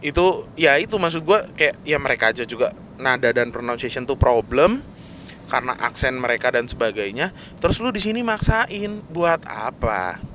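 A man's voice: mid-range voice, expressive, moderate pace, a bit bright, dull audio, a little hiss or hum. A man with a Jakarta Indonesian accent ranting casually to camera, mixing in English words and lots of fillers. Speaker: vlogger.

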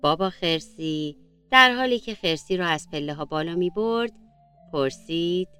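A woman reading a children's story aloud in a gentle, slow storytelling manner. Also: on the low side, expressive, clear, resonant tone, faint music behind.

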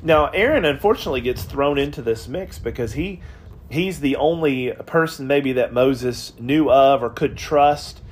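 A man hosting a podcast Bible study, teaching in a relaxed conversational way and retelling scripture in everyday words. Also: mid-range voice, moderate pace, husky.

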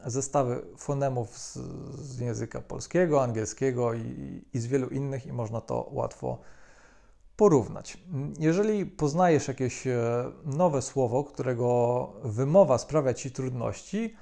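A man delivers a methodical video lesson in a calm, explanatory tone. His voice is dark and gravelly with a mellow edge. He often pauses on hesitation fillers between phrases. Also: mid-range voice. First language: Polish. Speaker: language teacher.

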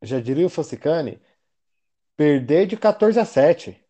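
A man's voice: a little high, very animated, measured pace, warm tone. A man with a Brazilian Portuguese accent in casual sports chat, talking in a slangy, conversational way. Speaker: American football fan co-commentator.

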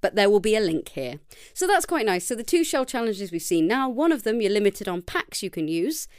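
Chatty, lively woman podcaster. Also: medium pitch, fairly quick, clear, resonant tone, dry recording, clean studio sound. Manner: chatty and self-deprecating, lively. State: tired, late at night. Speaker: podcast host. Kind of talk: casual solo podcast reading listener challenges.

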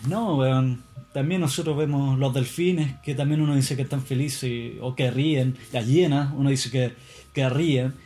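A man's voice: medium pitch, steady tone, normal speed, mellow. A man in a casual monologue, rambling and musing with plenty of swearing.

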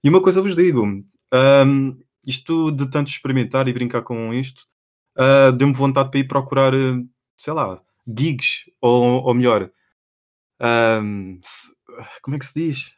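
A man's voice: mid-range voice, measured pace. A young man with a European Portuguese accent co-hosting a casual podcast, rambling loosely with lots of filler words. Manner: relaxed, rambling, many fillers like pá and epá. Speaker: podcast co-host.

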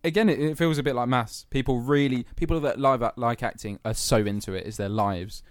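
A man's voice: medium pitch, fairly quick, no room sound, studio quality. A young man from England, chatting casually on a podcast, laughing easily and using plenty of fillers. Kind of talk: casual chat.

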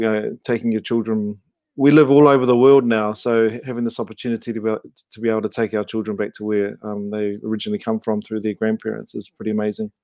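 A man hosts an interview, calm and measured. His voice sits at a middle pitch and is recorded dry, with no room sound. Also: dry recording. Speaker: host. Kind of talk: interview, podcast host.

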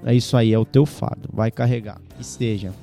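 A Brazilian man talking casually as a podcast guest, telling animated, slangy stories. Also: medium pitch, a little fast, creaky, soft background music. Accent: Brazilian Portuguese. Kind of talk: casual chat.

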